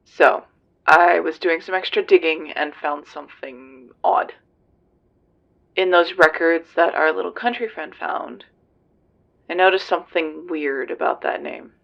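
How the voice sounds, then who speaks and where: In a roleplay audio drama, a man plays a tough, serious police investigator on a phone call, sounding terse and grave. His voice is gravelly, slightly high and a little slow, with frequent pauses and a serious, informative mood. The audio has a dull, lo-fi phone-call quality.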